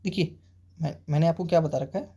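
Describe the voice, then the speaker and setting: Indian male English tutor, mellow tone, slow deliberate sentence readings, constant check-ins. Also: fairly high pitch, breathy edge. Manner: reads English sentences slowly, often checks "okay?". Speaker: English teacher. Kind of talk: exam-prep English lesson.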